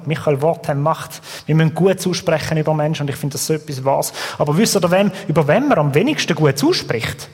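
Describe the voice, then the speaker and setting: A man preaching an earnest, exhorting sermon that rises and falls in loudness. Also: fairly high pitch, husky. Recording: long hall reverb.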